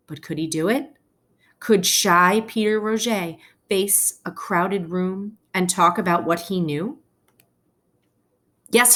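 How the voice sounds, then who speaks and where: In a lowish, slightly bright voice, a woman teacher acts as storybook narrator for a picture book. She takes it deliberately, pausing so her young audience can follow.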